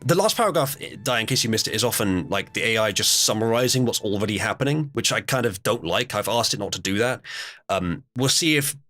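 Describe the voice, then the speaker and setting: A man's voice: lowish voice, expressive, a little fast, a bit bright, soft background music. A man hosting a live stream, chatting casually with fillers and restarts and reading out game turns.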